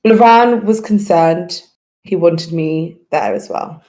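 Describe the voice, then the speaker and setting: A woman's voice: lowish voice, takes it slowly, warm tone. A woman voicing a blunt, unbothered young woman rogue who answers offhandedly. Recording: echoey room.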